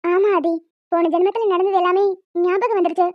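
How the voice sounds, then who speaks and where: A woman voicing a young wife and other women of a family in an animated story, with quick, expressive delivery. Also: extremely high pitch, dry recording. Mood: emotional chat. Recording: dry, dull lo-fi home mic.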